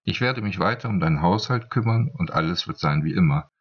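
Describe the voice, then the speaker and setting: A devoted, aging servant woman pleads from the heart, as a man reads her lines in a slightly raised but still low, husky voice. The recording sounds dull and lo-fi. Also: expressive, fairly quick. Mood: pleading. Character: aging female household slave, tearful and devoted.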